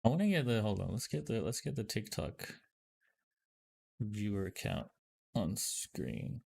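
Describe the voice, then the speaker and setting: A man hosting a livestream over a headset mic, chatting casually and loosely with lots of fillers as he greets viewers and tests software. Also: on the low side, big pitch swings, measured pace, vocal fry, husky. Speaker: livestream host. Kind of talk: casual livestream chat while testing software.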